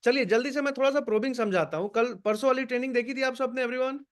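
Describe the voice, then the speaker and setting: A man leading an online sales training session, energetic and urging, switching between Hindi and English words. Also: extremely high pitch, fast.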